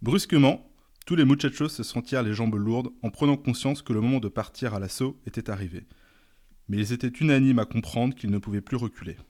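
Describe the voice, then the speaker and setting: A man reading a novel aloud in a measured, dramatic narration. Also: medium pitch, a little mellow. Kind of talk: audiobook narration.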